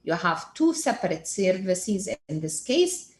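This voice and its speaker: This woman's voice is fairly low, sing-song and unhurried, with a slight hiss or hum. She gives a case-based radiology lecture over slides, walking through each image step by step by posing questions to herself and answering them.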